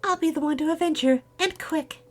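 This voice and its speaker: A man's voice: very high voice, fairly quick, pitched above the performer's own voice. A man voicing a brash, hasty young girl hedgehog detective in a Valley Girl voice, reading game dialogue aloud. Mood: cocky.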